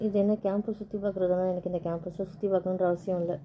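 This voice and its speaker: A woman's voice: fairly low pitch, little pitch movement, rapid-fire, muffled recording, slight background noise, natural voice. A woman playing a young wife who pleads with and coaxes her sulking husband in a family skit, then turns indignant. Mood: earnest.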